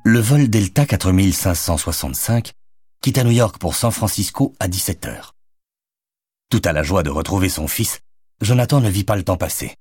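A man reading a novel aloud as an audiobook narrator, in expressive, measured storytelling. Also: low voice, husky, no room sound.

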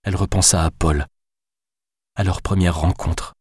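A man narrating a novel as an audiobook, reading in a measured, even way. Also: deep voice, breathy edge, no room sound, studio quality.

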